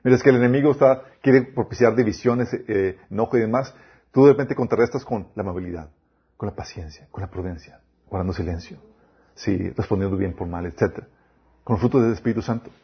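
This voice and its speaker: Husky-voiced man preaching a sermon. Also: fairly low pitch, a little fast, muffled recording. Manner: addresses listeners as "chicos", quotes scripture, rhetorical questions.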